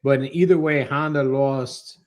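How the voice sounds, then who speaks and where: A man's voice: medium pitch, steady tone, a little slow. A male panelist in a casual chat, slangy and emphatic, dwelling on his points. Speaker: podcast panelist.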